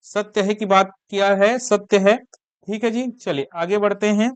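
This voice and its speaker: A man's voice: high-pitched, steady tone, measured pace, clean tone, dry recording. A young man teaching an exam-prep lesson, fighting a lingering cough and repeating key facts for students to memorize.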